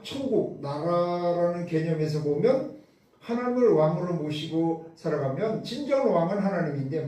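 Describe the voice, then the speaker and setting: A man's voice: high-pitched, mellow. A man preaching a sermon as pastor. He is emphatic and often asks questions that he answers himself. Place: church sanctuary. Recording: very echoey hall, voice from a distance.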